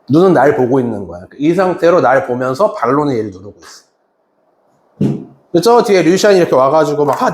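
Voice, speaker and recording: A man telling his class a story from his teaching days, with a lively voice that swings up and down. He acts out his own scolding of students with sudden loud shouts. The room around him sounds echoey. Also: medium pitch. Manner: animated, wide-ranging delivery. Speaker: academy teacher. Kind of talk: storytelling anecdote in a class talk. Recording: roomy echo.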